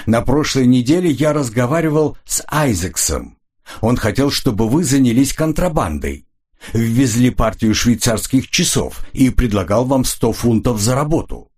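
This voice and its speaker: A man voicing a cool, measured older colonel who questions calmly and dryly in an audiobook. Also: mid-range voice, husky, pitched above the performer's own voice. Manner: calm, dry, probing.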